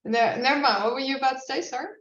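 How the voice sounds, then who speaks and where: A woman hosting and moderating a panel on a video call, brisk with friendly prompts. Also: high-pitched, a bit bright. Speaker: event host. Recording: distant, echoey, muffled, with faint noise.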